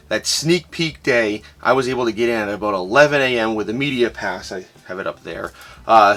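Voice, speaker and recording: The host of his own sports card collecting channel runs through a recap in a casual, enthusiastic, chatty way, filling gaps with frequent "uh"s. His voice is fairly low and sharp in tone, and it sounds tired and fading.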